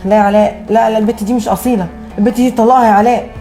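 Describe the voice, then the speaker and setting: A woman's voice: fairly high pitch, steady tone, very fast, mellow, faint music behind. A middle-aged woman with an Egyptian accent acting a nagging, disapproving mother. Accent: Egyptian Arabic.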